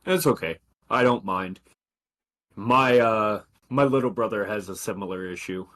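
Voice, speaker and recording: A man voicing a calm, gentle male warrior in a tabletop game, near his own voice. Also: lowish voice, unhurried.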